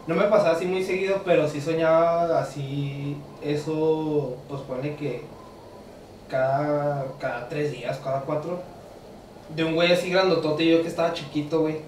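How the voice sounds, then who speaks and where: Higher-voiced Mexican man in an echoey room. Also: moderate pace. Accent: Mexican Spanish. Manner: slangy, animated retelling. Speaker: podcast co-host. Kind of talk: casual chat among friends. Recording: echoey room, distant mic, faint hiss.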